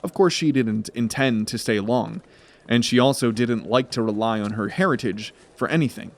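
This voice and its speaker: This scripted fantasy tale is told by a man whose pitch sits in the middle range. His delivery is deliberate and dramatic, like a practiced storyteller.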